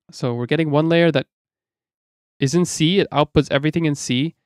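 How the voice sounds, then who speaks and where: A man demonstrating music software in a casual stream, excited and slangy, talking into a studio vocal mic in a home studio. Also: smooth, no room sound. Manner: excited, slangy, thinks aloud. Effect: robotic pitch-shifting auto-tune.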